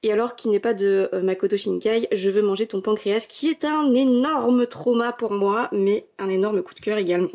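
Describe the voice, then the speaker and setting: A woman's voice: fairly high pitch, warm tone. Chatty young woman gushing over her shelves. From France. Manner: chatty and enthusiastic, gushing, many euh fillers. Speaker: manga collection vlogger. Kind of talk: casual shelf-tour vlog narration.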